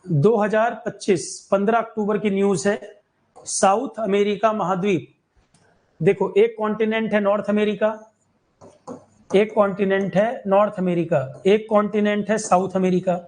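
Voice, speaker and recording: A man's voice: high-pitched, flat delivery, moderate pace, darkish tone, poor audio. A man from India teaching a current affairs lesson for exam preparation, repeating key facts and checking that students follow. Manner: repetitive, drills key facts, asks "clear?".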